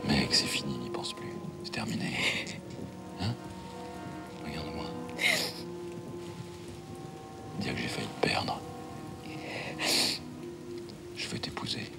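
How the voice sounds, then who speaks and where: An actor playing a middle-aged French president who barks curt orders in a period TV drama. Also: male voice, sits low, lively intonation, loud music behind the voice. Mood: tender hushed. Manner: gives brisk orders, gruff. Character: older male president, commanding, curt, under strain. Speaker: President of the Republic.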